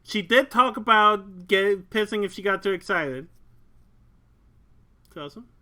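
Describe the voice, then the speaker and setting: Slow, bright-voiced streamer cracking crude jokes. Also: medium pitch. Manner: crude and swearing, laughs often; reads narration aloud, breaks off to joke. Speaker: Twitch streamer reading a visual novel aloud. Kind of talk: casual live-stream reading and chat.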